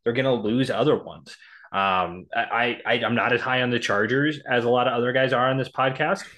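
A man speaks briskly in a bright, forceful, medium-pitched voice as co-host of a sports podcast. Despite having the hiccups, he casually makes predictions and rattles through statistics, frequently saying "um" and restarting.

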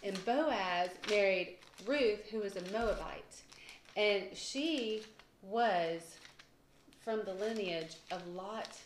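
A woman, co-hosting a casual Bible discussion, chatty and quick to laugh at herself. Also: medium pitch. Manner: chatty, laughs often, self-deprecating. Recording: echoey room with faint noise.

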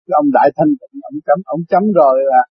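An older man gives a chatty, story-filled dharma talk, laughing often. His voice sits fairly high and a little husky. The recording is dull and lo-fi, dry and close. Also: quick pace, dry recording, faint music behind. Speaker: spiritual teacher.

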